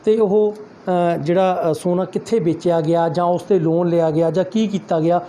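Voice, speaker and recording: Halting man with a dark voice. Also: high-pitched, fairly even intonation, slight background noise. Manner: hesitant, many fillers and restarts. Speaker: news reporter. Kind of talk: news interview with commentary.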